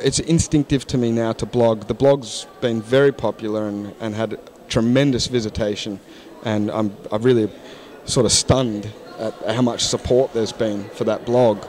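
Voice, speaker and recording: In a conference hall lounge, a man in his forties talks into a handheld mic he holds himself. He's an English teacher guesting in a casual interview, speaking frankly and thoughtfully at a moderate pace and even middle pitch, with many false starts.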